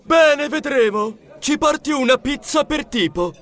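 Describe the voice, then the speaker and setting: A very high, shrill mouse cousin, loud and impatient, always bossing others around. He sounds like a scrounger out of a children's audiobook. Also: lively intonation, measured pace, full character voice. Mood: smug. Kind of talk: audiobook character voice.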